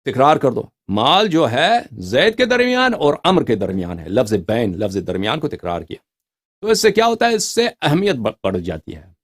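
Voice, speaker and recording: Animated, emphatic male religious lecturer. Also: mid-range voice. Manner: emphatic, recites quoted passages slowly and repeats key words; asks rhetorical questions to the audience. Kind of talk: explanatory scriptural lecture.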